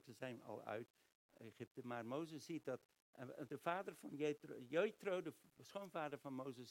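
A man's voice: on the high side, low-quality recording. Man preaching a sermon, Bible reading. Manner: reads verses aloud, then explains them conversationally; searches for words, with frequent restarts.

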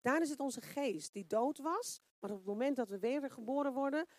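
A woman preacher with a fairly high voice gives a loose, conversational sermon. She asks her listeners rhetorical questions and hunts for words out loud with plenty of fillers. The sound is dry and close, with no room echo. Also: lively intonation, fairly quick. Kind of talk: informal sermon.

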